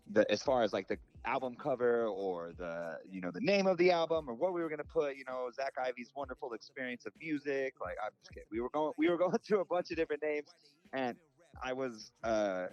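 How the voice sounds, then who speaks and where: A man's voice: fairly low pitch, darkish tone. A man, a musician guest, talking in a loose, rambling way over a phone call, filling his sentences with "like" and "you know.". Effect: heard over a phone call. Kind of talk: casual phone interview. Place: in a different time zone from the host. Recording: dull, muffled phone-line sound.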